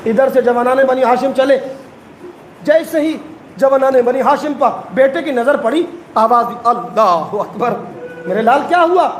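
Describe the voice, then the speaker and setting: Man, very high voice, emotional chanted elegy sermon, sobbing wails, echoey hall. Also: a little mellow. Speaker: preacher at a mourning gathering. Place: mourning gathering hall. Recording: echoey hall with faint noise.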